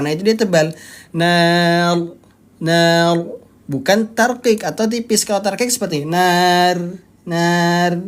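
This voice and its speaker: A teacher leading a live online Quran recitation lesson, explaining each rule step by step, quizzing the students and stretching out the recited words slowly to demonstrate them. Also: mid-range voice. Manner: occasional throat clearing with apologies.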